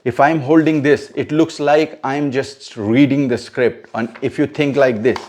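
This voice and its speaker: A man's voice: mid-range voice, steady tone, a little slow, darkish tone. A man teaching a hosting practice class step by step, often checking whether his listeners follow. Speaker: MC trainer. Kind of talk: instructional coaching session.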